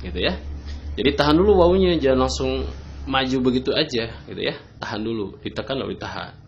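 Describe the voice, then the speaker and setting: A man's voice: medium pitch, expressive, fast talker, a little hiss or hum. Patient man teaching Quran recitation. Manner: patient, repeats "nah, gitu ya" often. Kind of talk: tajweed lesson explanation. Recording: dull lo-fi recording.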